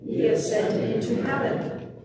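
A woman leading the congregation in a creed and prayers at a pulpit microphone in a church, in a measured, prayerful way. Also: a little high, expressive, distant mic, a loud crowd. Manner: measured, prayerful recitation with a repeated call of "Hear us, O God". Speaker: worship leader. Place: large church sanctuary. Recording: very echoey church, voice well off the mic.

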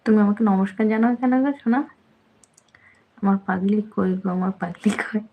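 A woman's voice: mid-range voice, steady tone, brisk, creaky, phone-quality sound, a little hiss or hum. A woman hosting a live stream, chatting casually and teasingly with viewers and reading out their comments. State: slightly out of breath.

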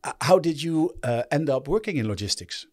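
A man's voice: a little high, expressive, fairly quick. A man hosting a podcast, asking questions in a friendly, hesitant way with many fillers. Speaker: podcast host. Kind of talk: podcast interview.

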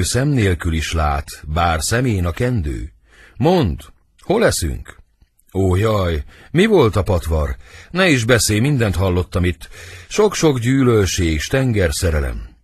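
A man reading the part of Romeo, a brooding lovesick young nobleman, in husky, lyrical verse for an audiobook. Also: big pitch swings, no echo, studio quality. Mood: lovelorn. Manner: lyrical verse reading, wide swings in pitch.

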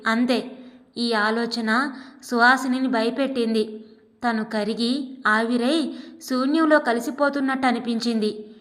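A woman narrating an audiobook story in a steady, expressive reading voice. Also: on the high side. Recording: long hall reverb.

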